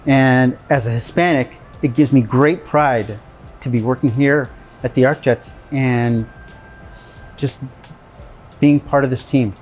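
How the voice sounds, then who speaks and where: A man's voice: medium pitch, slow, pauses often, darkish tone, soft background music. A man from a test facility, speaking steadily and proudly in a scripted video message.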